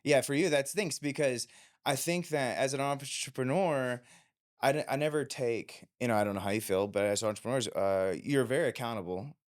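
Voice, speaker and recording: A man's voice: medium pitch, normal speed, no room sound, clean studio sound. A man hosting a podcast interview, talking casually with many restarts and fillers. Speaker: podcast host.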